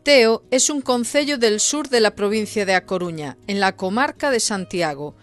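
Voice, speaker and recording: A woman's voice: mid-range voice, expressive, moderate pace, faint music behind. Woman reading a scripted intro. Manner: reads out facts and figures.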